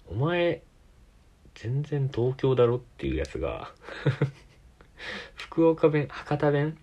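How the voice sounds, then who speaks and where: A man's voice: low voice, a little mellow, breathy edge. A man from Tokyo with a Tokyo accent, hosting his own podcast and rambling casually, correcting himself and laughing often. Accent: Tokyo Japanese. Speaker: podcast host. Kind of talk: casual solo talk.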